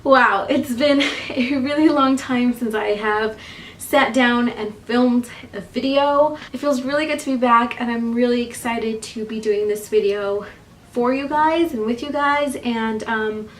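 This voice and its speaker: Chatty young woman from Guatemala, bright voice. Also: on the high side, a little slow, distant mic. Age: 20s. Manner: chatty, with frequent ums and laughs. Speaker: YouTuber. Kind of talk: casual chat to camera.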